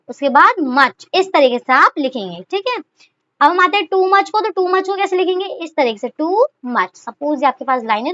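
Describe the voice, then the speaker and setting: High bright-voiced woman teaching shorthand. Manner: chatty, repeats rhetorical questions and okay. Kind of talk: explaining a lesson step by step. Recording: dull lo-fi recording.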